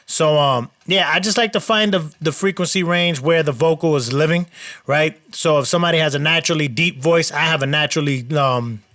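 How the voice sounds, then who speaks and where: Hosting a casual screen-share tutorial on mixing for his channel, this mixing engineer speaks in a fairly high, nasal voice at a slightly quick pace. His explanations are relaxed and a bit rambling, full of fillers, and the recording is dry.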